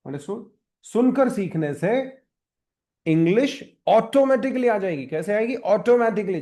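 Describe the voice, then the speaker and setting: A man's voice: high-pitched, darkish tone. A man teaching a spoken English class, coaxing students with questions.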